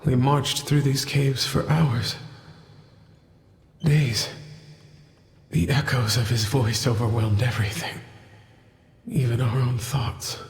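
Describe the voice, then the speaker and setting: A man's voice: medium pitch, fairly even intonation, drawn-out words, pauses often. A man voicing a fierce, impatient young dragon warrior in a video game. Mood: haunted recollection. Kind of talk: video game dramatic acting. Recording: echoey reverberant hall.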